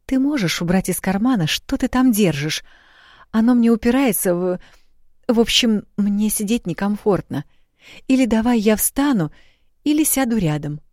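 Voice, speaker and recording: A woman's voice: medium pitch, takes it slowly, long pauses, darkish tone, no echo, studio quality, pitched above the performer's own voice. A woman reading an audiobook, voicing a young flustered noble bride in a breathless, pleading way. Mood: shy.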